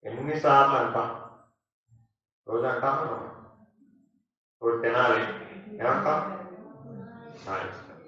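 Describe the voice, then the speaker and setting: Man, Telugu accent, coaxing spiritual teacher, bright voice, mic far off in an echoey hall. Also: mid-range voice, fairly even intonation, a little slow, long pauses. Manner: asks the audience questions again and again, coaxing. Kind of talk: satsang discourse to an audience. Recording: roomy, distant, dull hall recording.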